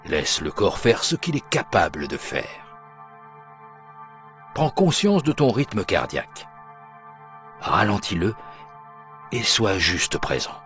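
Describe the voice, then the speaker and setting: A man leads a guided breathing exercise with slow breath counting and cues. His pitch is on the low side and moves up and down a lot, at a very unhurried pace. Clear music plays behind his slightly muffled voice. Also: sing-song, a bit bright.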